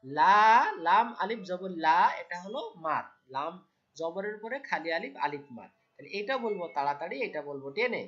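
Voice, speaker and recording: A woman's voice: lowish voice, expressive, a little fast, a bit bright. A woman teaching Quran recitation, spelling out syllables one by one and asking listeners to repeat after her. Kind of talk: slow, patient Arabic letter-by-letter drilling. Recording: dull lo-fi sound.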